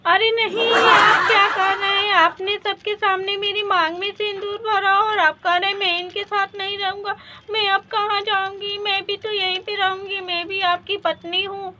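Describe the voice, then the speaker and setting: A woman's voice: extremely high pitch, flat delivery, normal speed, sharp tone, slight background noise. A woman voicing a stubborn young new bride who insists she will stay in the house. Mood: insistent. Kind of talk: storybook voice acting.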